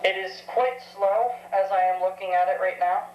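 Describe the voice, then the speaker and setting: At normal speed, with medium pitch and fairly even intonation, a seventeen-year-old hobbyist demonstrates a vintage tape recorder in a casual, unscripted way, hesitating and thinking aloud. The lo-fi recording has a roomy echo and faint background noise.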